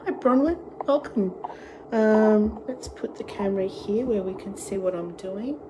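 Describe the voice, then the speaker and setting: Medium-pitched and a little slow, a middle-aged Australian woman hosts a live cooking stream in a casual, chatty way, greeting every viewer who joins, though a cold is making her lose her voice. She works as an online tour and cooking class host. Her device camera picks up wind and ambient noise on the outdoor deck, then follows her into her home kitchen.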